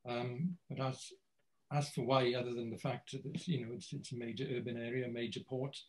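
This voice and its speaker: A man's voice: mid-range voice, flat delivery, moderate pace, slight background noise, poor audio. Hesitant man with frequent restarts. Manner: hesitant, many restarts and repeated words. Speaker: co-author and panel guest. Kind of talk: academic panel conversation.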